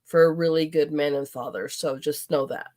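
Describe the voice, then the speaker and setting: A woman's voice: low voice, steady tone, moderate pace, mellow. A woman hosting an interview show, chatting eagerly and turning to speak straight to her audience. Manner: chatty, enthusiastic, talks to the audience directly. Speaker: host. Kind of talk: casual interview chat.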